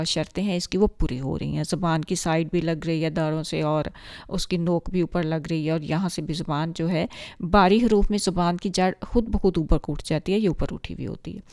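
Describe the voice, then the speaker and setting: A woman with a lowish voice teaches pronunciation slowly and patiently, breaking each sound into small steps. Her voice is close and dry, with no room around it. She models sounds over and over for learners. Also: darkish tone, no echo. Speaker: Quran recitation teacher. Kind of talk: explanatory lesson with demonstrations.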